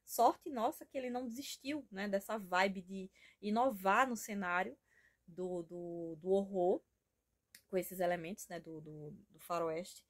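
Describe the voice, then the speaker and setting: A woman's voice: mid-range voice, unhurried. A Brazilian woman with a Brazilian Portuguese accent, chatting casually and enthusiastically in a homemade reading vlog from home, rambling with frequent tag questions. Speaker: book vlogger.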